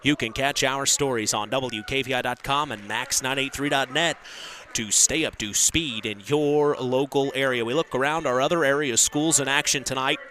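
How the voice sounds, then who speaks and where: A man's voice: medium pitch, normal speed, sharp tone, slight background noise. An American man hosting a radio pre-game sports broadcast as play-by-play announcer, in a formal, welcoming delivery. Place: school gymnasium.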